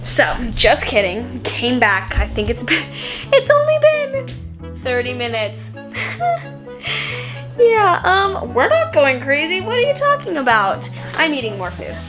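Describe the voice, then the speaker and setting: A woman's voice: high voice, huge pitch swings, a little slow, over music. A young woman vlogging casually, chatting playfully to her viewers. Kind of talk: casual vlog chat.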